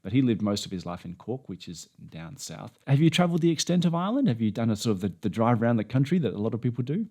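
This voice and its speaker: Hosting an interview on his podcast, an Australian man rambles casually through anecdotes, poking fun at himself. He speaks quickly with hardly any pauses, in a medium-pitched, sing-song voice with a dark tone.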